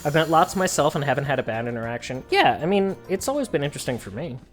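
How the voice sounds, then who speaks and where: A woman's voice: low voice, sing-song, quick pace. A woman streamer chatting casually and wryly while playing a game. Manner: wry, self-deprecating and chatty. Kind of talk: casual gameplay commentary. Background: faint game music.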